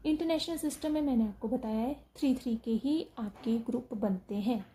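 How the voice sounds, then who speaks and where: Woman teacher, slightly high, very warm voice; patient stepwise explainer who reads numbers out slowly. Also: a little hiss or hum, low-quality recording. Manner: explains patiently, asks and answers her own questions; reads out digits slowly one by one. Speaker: maths teacher. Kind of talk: step-by-step classroom explanation.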